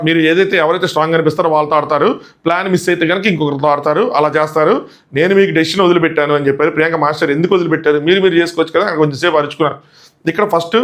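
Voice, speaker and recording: A man giving a casual commentary recap as a show reviewer, retelling fast and acting out quotes. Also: a little high, fairly bright tone.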